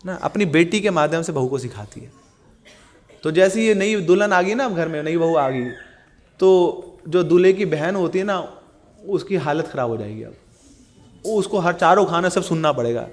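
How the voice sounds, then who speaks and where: A middle-aged man from India teaching a scripture class in Hindi. He chants verses slowly and tells stories with lively acted-out voices for the people in them. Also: on the high side. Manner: animated storytelling, acts out quoted characters. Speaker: Gita teacher.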